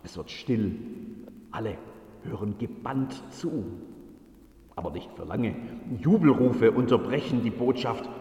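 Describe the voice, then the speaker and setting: A man's voice: mid-range voice, expressive, a little slow, pauses often, dark tone, highs cut off. A man preaching a sermon, reading scripture and telling the story in a solemn, dramatic way. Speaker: pastor. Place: church. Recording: echoey church with long reverb.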